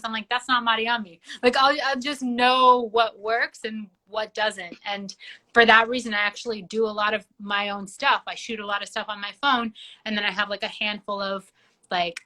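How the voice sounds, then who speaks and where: Speaking in a bright, forceful, medium-pitched voice, a young woman from Georgia talks chattily as an interview guest and fills her sentences with "like." She's a singer-songwriter whose first language is Georgian, and the audio quality is poor.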